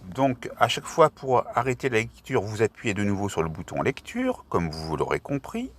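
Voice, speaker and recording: A man's voice: fairly low pitch, very animated, normal speed, a little hiss or hum. A man presenting an app, narrating a step-by-step screen tutorial.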